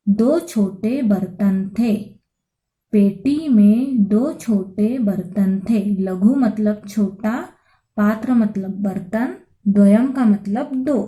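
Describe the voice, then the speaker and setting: A woman teacher explaining a lesson, reading each phrase and then translating it slowly, often repeating herself. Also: on the high side, dark tone, poor audio. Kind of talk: explaining a Sanskrit lesson in Hindi.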